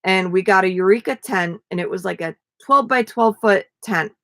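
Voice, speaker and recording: A woman's voice: mid-range voice, normal speed, no room sound. A tired young woman chatting casually to viewers on a live stream, rambling with many fillers. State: tired, yawning.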